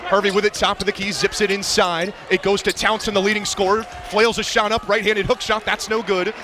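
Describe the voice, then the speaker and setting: This commentator's voice sits high and level, running a little fast as he describes a live basketball game in short, vivid bursts, following every play as it happens. He's courtside in a large indoor arena, and the crowd roars loudly in the background along with the sound of a bouncing ball.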